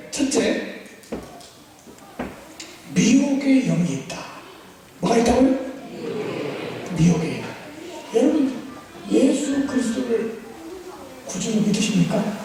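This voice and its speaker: A man preaching as a pastor at a church seminar. He acts out little exchanges and drills the congregation with call-and-response practice. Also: very high-pitched. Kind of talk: sermon seminar. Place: church sanctuary. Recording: echoey church hall, voice far from mic, faint noise.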